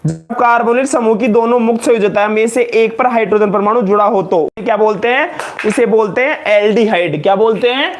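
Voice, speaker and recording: Male chemistry lecturer with a Rajasthani Hindi accent and a high voice. Loud, emphatic, drills each point by repeating questions to the students. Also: brisk, faint music behind. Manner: repeats questions to students, calls them beta and janab. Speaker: chemistry teacher. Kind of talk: live online lecture in Hindi.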